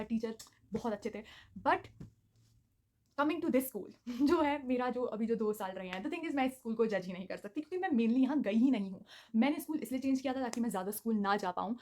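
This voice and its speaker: A young woman in her late teens telling a animated casual school story, mixing English words into her Hindi and acting out what people said. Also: a little high. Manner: animated, mixes English into Hindi, acts out quotes. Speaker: student vlogger telling a story.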